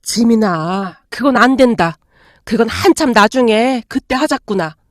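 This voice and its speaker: Woman voicing a gentle, sorrowful stepmother. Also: fairly high pitch, animated, measured pace, no room sound, clean studio sound. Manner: soft, soothing.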